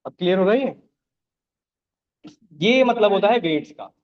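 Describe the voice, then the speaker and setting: A man with a fairly high voice teaches a live coding class. He walks through each step and keeps checking that his students follow. The recording sounds dull and lo-fi. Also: expressive, normal speed. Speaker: programming teacher.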